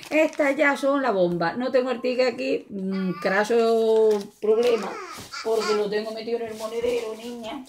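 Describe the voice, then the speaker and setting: Vlogger, Andalusian woman, slightly high voice, chatty and jokey, home recording with faint hiss. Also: moderate pace. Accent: Andalusian Spanish. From Andalusia, Spain. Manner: chatty, jokey, talks to viewers as friends. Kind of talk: casual shopping haul vlog. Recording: faint background noise.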